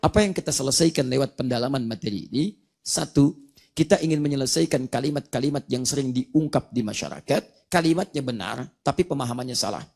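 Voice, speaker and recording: Fast-talking male Islamic preacher. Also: mid-range voice, creaky, darkish tone. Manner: explanatory, rhetorical questions, recites Arabic verses. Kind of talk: religious lecture.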